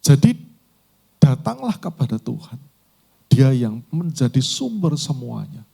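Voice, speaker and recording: A man's voice: mid-range voice, very animated, unhurried, creaky, dark tone, breathy edge. A man preaching a sermon. He tells a story vividly and addresses the congregation directly. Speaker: pastor.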